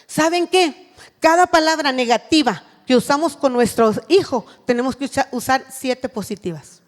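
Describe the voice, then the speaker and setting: A woman's voice: high-pitched, moderate pace, in a large hall. A woman giving an earnest sermon at a women's church retreat, acting out what a mother says to her child.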